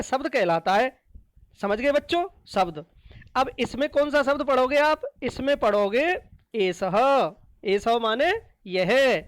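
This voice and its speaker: A woman teacher explaining a lesson to children, slowly repeating each word and asking questions that she answers herself. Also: on the high side, no echo. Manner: slow and repetitive, asks questions then answers them.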